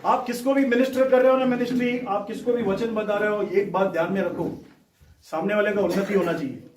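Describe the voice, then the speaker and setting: A man's voice: high voice, steady tone, fairly quick. A man preaching a sermon, calling on the congregation to repeat words after him. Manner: preaches in bursts, cueing the crowd to repeat words. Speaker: pastor. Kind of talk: sermon with call-and-response. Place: large hall, church. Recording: echoey hall, mic far, crowd.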